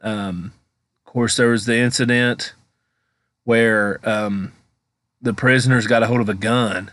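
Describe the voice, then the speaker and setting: A man's voice: fairly low pitch, fairly bright tone, no echo. An American man giving a casual, chatty voice-over as a vlogger, rambling informally as he comments on exploration footage.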